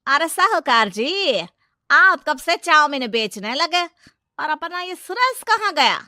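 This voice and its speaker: A woman voicing an indignant, complaining village customer in a cartoon moral story, exclamatory and drawn-out. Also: high-pitched, very animated, bright, forceful tone, dry recording, clean studio sound, voice pushed up, heavily acted. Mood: suspicious.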